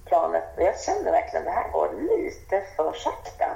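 Gravelly-voiced woman, lively storyteller. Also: on the low side. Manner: lively and animated, acts out the voices of people in her story. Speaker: interview guest. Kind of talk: casual storytelling. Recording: dull, roomy radio sound.

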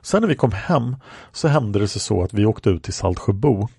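A man's voice: fairly low pitch, animated, vocal fry, a little mellow, husky, dry recording, exaggerated voice. A man reading aloud a woman's answers in a police interrogation record, rambling with many fillers. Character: woman questioned by police, plain-spoken.

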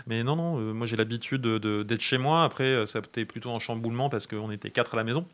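A man's voice: mid-range voice, fast talker, fairly bright tone. Dryly humorous man, mid-range voice. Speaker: podcast guest, children's story author. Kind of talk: casual conversation.

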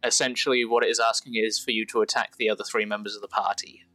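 A man's voice: on the low side, little pitch movement, fast talker, bright, forceful tone, dry recording, faint music behind, low-quality recording. A man narrating a tabletop role-playing game as game master.

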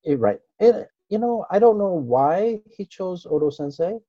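A middle-aged martial artist from Okinawa, a native Japanese speaker, reminisces as a guest in a relaxed interview. His speech is easygoing and hesitant, full of fillers and soft laughs, yet his high voice is very animated. The recording is dry and slightly dull, with no echo.

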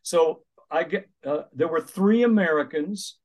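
A man's voice: a little high, unhurried. An older man, an author and minister, telling stories in an interview and acting out the voices he quotes. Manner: animated, acts out quoted voices. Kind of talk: interview storytelling.

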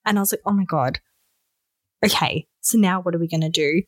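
A young woman recounts her story in a casual, animated way. Her voice sits fairly low but leaps high when she acts out what she said. The sound is close and dry, with no room around it. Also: brisk, no echo. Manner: animated, acts out quotes with sudden high squeals. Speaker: podcast guest.

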